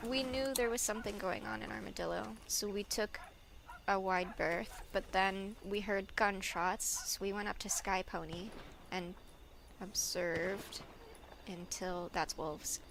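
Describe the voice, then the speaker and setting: Gravelly woman in a noisy western role-play. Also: mid-range voice, steady tone, a little slow. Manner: blunt, swears freely, frazzled. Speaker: streamer playing a frontier doctor in online role-play.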